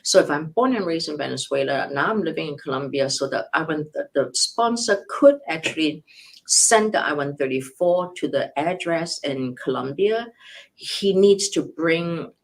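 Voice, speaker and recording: A woman's voice: low voice, animated, normal speed, low-quality recording. An older woman, an immigration lawyer, answering questions live. She explains step by step in numbered points with worked examples, often restarting and correcting herself. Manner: frequent restarts and self-corrections.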